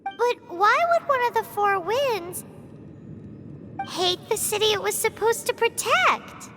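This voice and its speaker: A woman voicing a tiny, chirpy, childlike fairy companion in a video game, squeaky, curious and eager. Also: animated, takes it slowly, heavily acted. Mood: curious, puzzled. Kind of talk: video game cutscene voice acting. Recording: music behind the voice.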